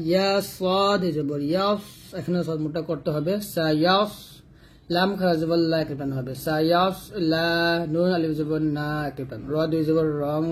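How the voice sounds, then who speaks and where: A man with a Bangladeshi Bengali accent teaching Quran reading, spelling out syllables and reciting them slowly and patiently for learners. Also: fairly high pitch, a little mellow, a little hiss or hum.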